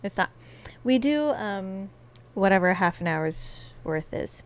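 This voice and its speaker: A woman's voice: medium pitch, expressive, takes it slowly. A young adult woman hosting a casual podcast, playful and teasing, with lots of filler likes. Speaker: podcast host, daughter.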